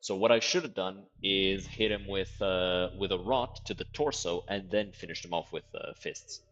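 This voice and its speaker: This low-pitched Portuguese streamer, whose English carries a South African tinge, talks at normal speed while commenting on his game and reading chat. He's casual and profane, prone to sudden loud yelps of surprise, and the audio is dull.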